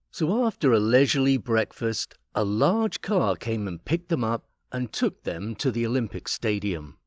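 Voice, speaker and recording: Guy reading a kids' story out loud, lively pitch, dry close mic. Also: no echo. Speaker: narrator. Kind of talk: storybook read-aloud.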